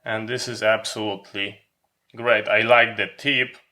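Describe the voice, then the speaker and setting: Fairly low in pitch, his voice is level in tone yet pushed and bright. The man, a hobby vlogger, walks through a casual hands-on product demo using measured, halting phrases and emphatic pauses.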